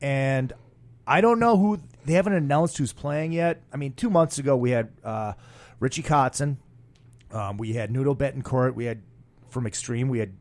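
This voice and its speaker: A man's voice: medium pitch, moderate pace, a little mellow, no room sound. A hungover man hosting a rock podcast in a studio, rambling through casual plugs in a brash, profane, slangy showman's way. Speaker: podcast host.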